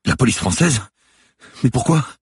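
A man's voice: sits low, normal speed, husky, no echo, clean studio sound, voice pushed up. A man reading an audiobook, voicing a nervous male cathedral sacristain who explains himself anxiously. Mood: frightened. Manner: anxious, pleading, explaining hurriedly.

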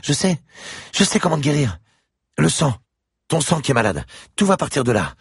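A man's voice: a little high, sing-song, moderate pace, vocal fry, breathy edge, no room sound, studio quality, pitched above the performer's own voice, full character voice. A man voicing an eerie, insistent little girl who repeats herself urgently in an audiobook. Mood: frantic. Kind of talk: audiobook character voice.

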